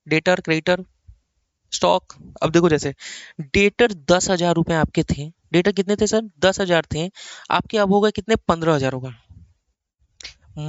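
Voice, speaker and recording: A man's voice: high voice, dry recording, highs cut off. A man from India teaching accounting in a classroom-style lecture, coaxing and repeating points for his students.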